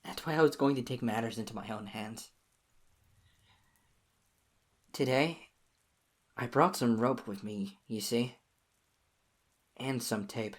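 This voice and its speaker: A woman, pitched extremely low, portrays an obsessive and clingy young lover in audio roleplay. She whispers to the listener in a soft, husky, pleading way that feels quietly sinister.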